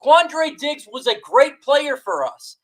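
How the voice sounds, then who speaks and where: A woman live-streaming a fired-up, exasperated rant to her chat, shouting out viewers between complaints. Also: sits high, big pitch swings, slow pace, poor audio. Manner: reads out chat shout-outs.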